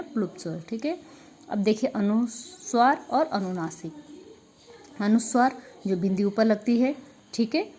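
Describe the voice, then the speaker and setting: Woman, school teacher, patient revision lesson, asks and answers her own questions, middle pitch, faint background hum. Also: dark tone. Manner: repeats filler "ठीक है" often.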